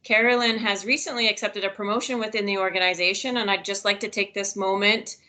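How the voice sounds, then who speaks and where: Bright-voiced woman on a video call. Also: medium pitch, fairly even intonation, fast. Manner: upbeat, giggly after a mishap. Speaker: staff manager giving team announcements. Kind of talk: casual work video call announcements. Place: home office.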